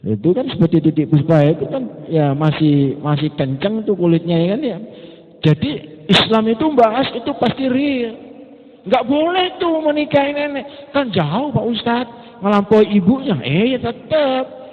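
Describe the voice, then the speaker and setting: A man with an East Javanese accent giving a religious study lecture as an Islamic teacher, telling stories lively and acting out the people he quotes. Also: high-pitched, moderate pace. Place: lecture gathering indoors. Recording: tinny lo-fi recording in echoey hall.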